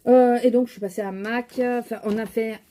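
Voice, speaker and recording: A woman's voice: on the high side, fairly even intonation, moderate pace, mellow, a little hiss or hum. A woman with a regional French accent, chatting casually to camera about her shopping haul and makeup, rambling with many fillers and sounding tired.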